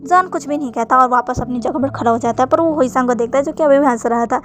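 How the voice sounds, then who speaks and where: A woman narrating a fan story in plain, unhurried storytelling. Her voice is high for a woman, and soft music plays faintly behind her. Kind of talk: retelling fan fiction.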